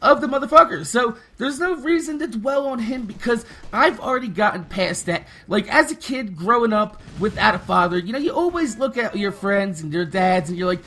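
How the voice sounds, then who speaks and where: A man's voice: high voice, animated, moderate pace, hardly any pauses, bright, forceful tone. A man, talking casually and candidly over gameplay, rambling and swearing freely. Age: 20s. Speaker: gaming YouTuber.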